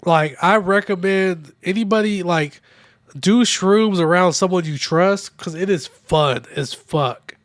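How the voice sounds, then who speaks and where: Young dude streaming a ball game kinda drunk, sore throat, cussing a lot, voice on the higher side. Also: male voice, slow pace, no room sound, clean studio sound. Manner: loose, profane, rambling while playing. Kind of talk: casual gaming livestream chat.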